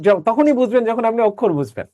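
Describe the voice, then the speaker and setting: A man's voice: very high-pitched, very animated, fast, mellow, no echo. A man teaching an online class, explaining step by step and checking that students follow with short questions.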